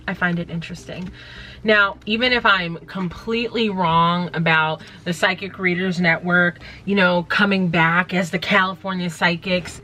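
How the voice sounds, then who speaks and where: A woman in her thirties telling a story to her YouTube audience, chatty and full of self-mocking jokes. Her voice sits a little low but sounds crisp and bright, with a faint hum of room noise. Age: 30s. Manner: chatty, joking, self-deprecating asides. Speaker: YouTube host. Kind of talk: casual storytime commentary.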